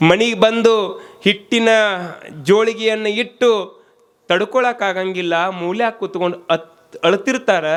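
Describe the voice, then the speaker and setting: A man preaching a storytelling sermon, acting out the story's characters and putting rhetorical questions to his listeners. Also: sits high. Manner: acts out the voices of the story's characters.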